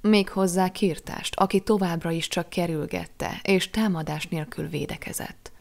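Low, gravelly woman reading an audiobook. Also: darkish tone. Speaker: audiobook reader. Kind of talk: audiobook narration.

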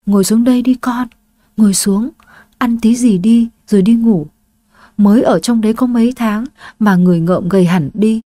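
A woman voicing a frantic older mother who pleads in a high, tearful voice. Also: normal speed, dark tone, no room sound, studio quality, close to an everyday voice. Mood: doting.

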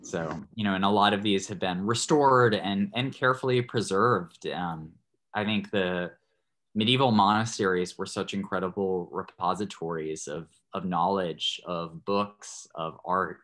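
A man's voice: low-pitched, a little slow, fairly bright tone. A man, a priest, giving a thoughtful parish class over a video call, loosely phrased with many restarts. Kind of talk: online parish talk.

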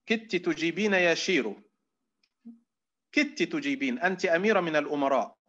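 A man with an Egyptian Arabic accent teaches an online class in a fairly high voice. He keeps quizzing his listeners, posing fill-in questions and answering them himself. The audio is dull and lo-fi. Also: brisk, a bit bright. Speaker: lecturer. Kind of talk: online lecture to students.

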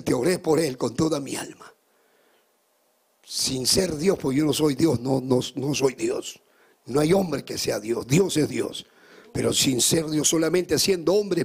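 A male pastor delivering a live sermon with fervour, climbing high and loud at times and dropping to a hushed tone to tell a story. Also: vocal fry, husky.

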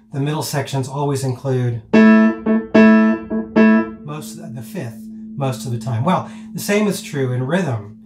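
A man's voice: medium pitch, a little mellow. A man teaching piano in a loose, rambling way, with many fillers and restarts, now and then chanting counts aloud. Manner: chants counts and rhythm words aloud as demonstrations. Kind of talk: informal teaching talk. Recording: roomy echo.

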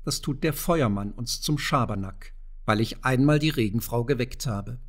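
A man voicing a poor, frail old widow who speaks softly and mildly. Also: mid-range voice, animated, normal speed, close to an everyday voice. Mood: gentle. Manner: soft, mild, secretive.

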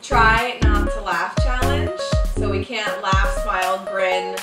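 A young woman chatting casually as co-host of a couple's vlog, excitable and gushing. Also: medium pitch, slow, over loud music. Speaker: vlogger's wife and co-host. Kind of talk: casual chat. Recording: echoey room, mic at a distance.

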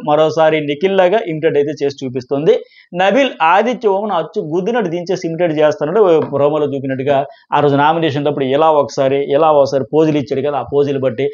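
Fast-talking man reviewing a show. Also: a little high, darkish tone. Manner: rapid, rambling delivery with frequent restarts. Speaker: Telugu reality show reviewer. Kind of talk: casual commentary to camera. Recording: dull lo-fi sound.

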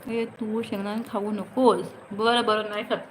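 A woman's voice: mid-range voice, little pitch movement, unhurried, a little hiss or hum, low-quality recording. A woman hosting a casual phone livestream, greeting viewers by name and chatting in a teasing way. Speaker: livestream host. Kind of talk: casual live chat reading comments.

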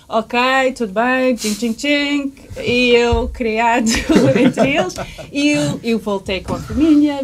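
A woman in her thirties from Canada, a guest in a small podcast studio, chatting in a halting way, often searching for words and letting phrases trail off softly. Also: fairly high pitch, slight background noise. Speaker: guest musician. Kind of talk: casual interview chat.

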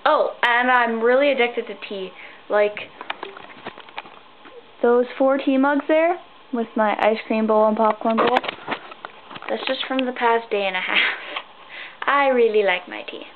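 A sixteen-year-old girl vlogging at night in her bedroom, rambling and tired, with sudden squeals of excitement. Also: a little high, measured pace, pauses often. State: tired, sleepy. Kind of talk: rambling casual vlog. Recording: tinny phone-like sound, faint hiss.

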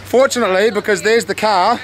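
A man's voice: sits high, fairly even intonation, fairly quick, crowd noise, poor audio. A man in his thirties with a New Zealand accent, vlogging to camera outdoors in a blunt, joking way. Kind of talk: casual outdoor vlog. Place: outdoors in the rain, by a house. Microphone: handheld camera close to face. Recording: outdoor recording with loud rain noise. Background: rain.

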